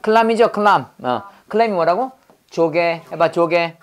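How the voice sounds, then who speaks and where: A woman's voice: fairly low pitch, normal speed. A woman teaching English vocabulary in a lesson, drilling words by repeating them and quizzing her students. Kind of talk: call-and-response language lesson.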